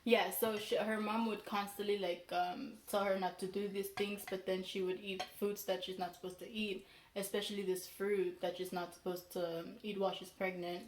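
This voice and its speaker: A woman's voice: mid-range voice, flat delivery. Young woman storyteller, roomy echo. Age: young adult. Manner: halting, rambling, self-correcting delivery. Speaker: mukbang vlogger telling a folk legend. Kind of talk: casual storytelling. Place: small room indoors, seated at a table. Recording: roomy echo, background noise.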